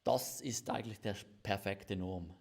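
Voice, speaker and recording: This Swiss German-accented pastor, co-hosting a live-streamed marriage chat from his church office, has a creaky, slightly mellow voice on the low side. He speaks a little slowly, in an earnest, confessional manner.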